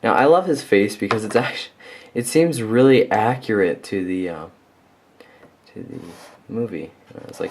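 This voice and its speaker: A man's voice: on the low side, a little mellow, slight background noise. A man casually reviewing a toy set on camera, rambling and enthusiastic with many ums and likes. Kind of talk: casual unscripted product review.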